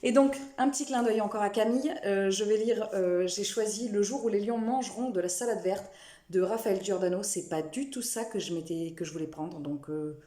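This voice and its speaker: A woman's voice: medium pitch, a little mellow, roomy sound. A young adult woman chatting casually about her books to camera, self-mocking and full of restarts. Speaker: book vlogger.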